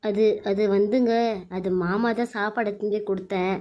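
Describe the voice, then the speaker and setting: Woman as a dutiful young wife, soft pleading voice, Bangalore Tamil accent, cartoon serial. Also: mid-range voice, steady tone, a little fast, lo-fi sound, natural voice. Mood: hurt, hiding. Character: Anjali, young tearful wife, meek and dutiful.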